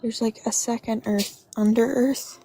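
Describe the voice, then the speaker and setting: A woman in a casual chat speaks a little high with a mellow, warm tone. She makes dry, wry comments. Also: fairly even intonation, unhurried, slightly rough, soft background music.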